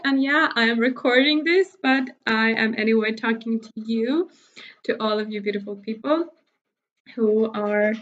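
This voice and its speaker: A native Finnish speaker from Finland leads a spiritual workshop at home in casual, chatty English, laughing often and using many fillers and restarts. Her voice is fairly high and fairly bright, and the lo-fi recording has slight background noise.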